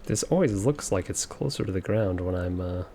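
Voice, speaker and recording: A man's voice: low voice, animated, moderate pace, dark tone, a little hiss or hum. A man talking casually and teasing his friends while they play a game together. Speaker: player in a group gaming session.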